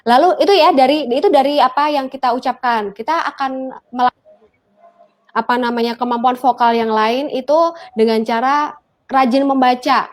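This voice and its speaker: Young woman, Javanese accent, fairly high voice, speaking coach, casual talk show chat. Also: fairly even intonation, moderate pace. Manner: explanatory, demonstrates vocal drills and newsreader delivery. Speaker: guest public speaking coach.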